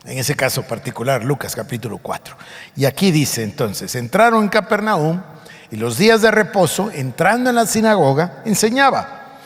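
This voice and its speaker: A man's voice: on the high side, very animated, moderate pace, long reverb tail. A man preaching a sermon, reading scripture aloud and explaining it with emphasis. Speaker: pastor.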